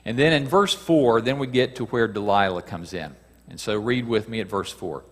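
A man's voice: on the low side, moderate pace. A man teaching a Bible lesson as a sermon, talking with the listeners in a conversational way, asking them questions and reading passages aloud. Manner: acts out quoted cries with a raised voice. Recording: long hall reverb.

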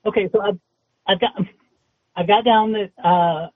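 A man's voice: high-pitched, steady tone, unhurried. A man working as a casting agent, talking hesitantly with many restarts, heard over a phone speaker. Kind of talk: phone call. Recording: tinny phone line.

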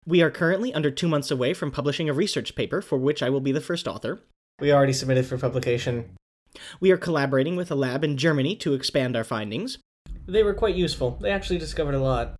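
A young American podcast host talks through listener questions in a casual monologue. The voice sits at a middle pitch and swings up and down a lot. The host slips in wry, self-mocking jokes. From United States.

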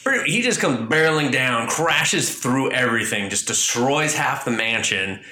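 A man in casual chat, animated and profane, who jumps into loud impressions. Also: medium pitch, moderate pace, roomy sound.

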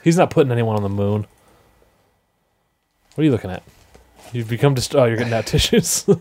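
A man co-hosting a casual podcast, animated and joking, with frequent restarts. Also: medium pitch, a little fast. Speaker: podcast co-host. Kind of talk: casual chat.

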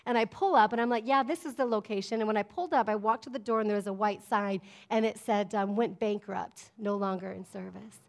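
A woman's voice: medium pitch, a little fast, creaky, hardly any pauses. A middle-aged woman pastor preaching a sermon, emphatic and conversational, often asking her congregation "amen?". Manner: emphatic, call-and-response preaching with frequent "amen?".

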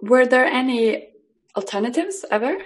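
A woman hosting a podcast, reading a clear, measured introduction and asking her guest questions. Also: high-pitched, lively intonation. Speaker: podcast host. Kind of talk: scripted podcast intro and interview.

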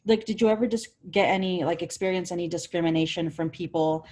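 Young woman host from Los Angeles, slightly low voice, chatty and upbeat. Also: fast, darkish tone. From Los Angeles, USA. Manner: upbeat, filler-heavy questioning. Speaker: podcast host. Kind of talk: casual interview chat.

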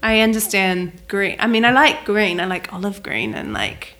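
A woman's voice: medium pitch, big pitch swings, normal speed, a bit bright. A young woman from New Zealand with a Kiwi accent, a wedding photographer chatting casually in an interview with lots of "like" fillers. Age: young adult. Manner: chatty, many "like" fillers, laughs easily. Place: flat at home.

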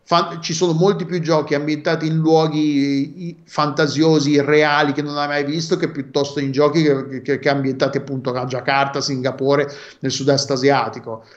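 A man's voice: fairly high pitch, little pitch movement. A man co-hosting a podcast, chatting casually and stopping to restart his sentences, heard over an online call line. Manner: halting, full of restarts. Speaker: podcast co-host. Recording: dull lo-fi call audio.

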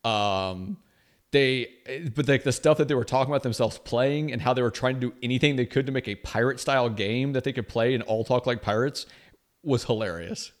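A man's voice: medium pitch, a little fast. A man co-hosting a casual gaming podcast, telling stories in a loose rambling way with lots of fillers. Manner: rambling storyteller, filler-heavy. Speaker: podcast co-host. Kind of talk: casual chat.

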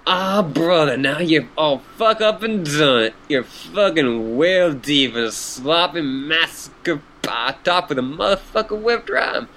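A man's voice: a little high, animated, measured pace, few pauses, bright, forceful tone, a little hiss or hum, exaggerated voice. A man voicing a laid-back, stoned male clown troll who drawls, swears and honks. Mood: mellow.

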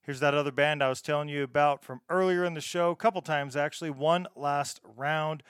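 Clear-voiced man hosting a music show. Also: fairly high pitch, fast, fairly bright tone, no room sound, clean studio sound. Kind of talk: casual music show chat.

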